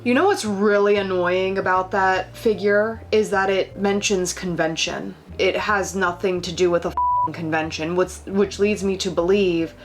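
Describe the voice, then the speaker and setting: A woman's voice: mid-range voice, fairly even intonation, a little slow, few pauses. Dry, unimpressed woman co-host. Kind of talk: casual chat.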